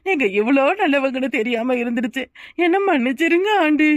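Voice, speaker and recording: A woman's voice: sits high, animated, fairly quick, no echo, clean studio sound. A woman voicing a whining, sly cartoon daughter-in-law. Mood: pleading. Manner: tearful pleading, repeats "aunty". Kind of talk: cartoon voice acting.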